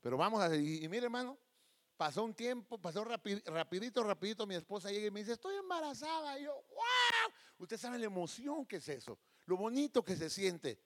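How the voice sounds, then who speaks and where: A man's voice: sits high, animated, brisk. A man preaching a sermon, telling a personal story and acting out the people in it. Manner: emotive, addresses listeners as beloved brother, acts out quoted voices.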